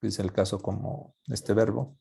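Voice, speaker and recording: Slow, low-voiced teacher explaining grammar. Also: male voice, steady tone, gravelly, warm tone, slightly rough. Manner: joking, checks on students; spells out English pronunciation slowly. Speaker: English teacher. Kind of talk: classroom grammar lesson.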